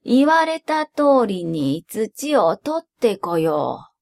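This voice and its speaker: A woman voicing a simple old village grandfather with slow, lowered, rustic speech. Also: big pitch swings, vocal fry, darkish tone, exaggerated voice. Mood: earnest.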